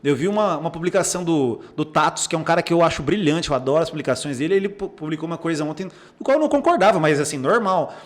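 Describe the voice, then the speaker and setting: Young Brazilian psychologist, quick and slightly high, lively podcast guest who acts out quotes. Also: male voice. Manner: animated storyteller, acts out quoted remarks, frequent restarts. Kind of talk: casual podcast conversation.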